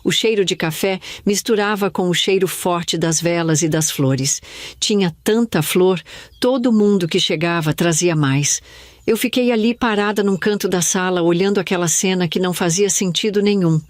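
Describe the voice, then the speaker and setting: An older woman from Brazil telling a sad childhood memory in first person, in a slow, somber storytelling manner. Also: on the low side, dry recording. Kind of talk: scripted first-person narration.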